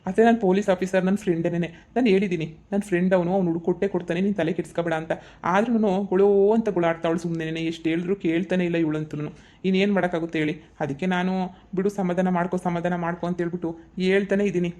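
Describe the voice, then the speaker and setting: A woman's voice: fairly low pitch, fairly even intonation, fast, warm tone, natural voice. A woman playing a blustering son-in-law, lecturing and dismissive. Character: blustering son-in-law, boasts of police friend. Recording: dull lo-fi recording.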